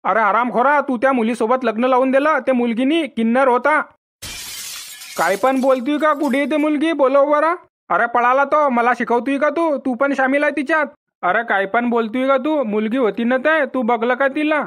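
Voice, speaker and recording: A man's voice: very high-pitched, moderate pace, fairly bright tone. A man, voicing the brash, blustering characters of a village cartoon comedy.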